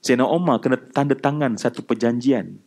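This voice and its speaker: A man's voice: mid-range voice, fairly quick, creaky, darkish tone. A man with a Malaysian Malay accent giving a religious lecture, telling a story dramatically and acting out quotes. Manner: dramatic storyteller, voices quotes and chants Arabic verses. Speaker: preacher.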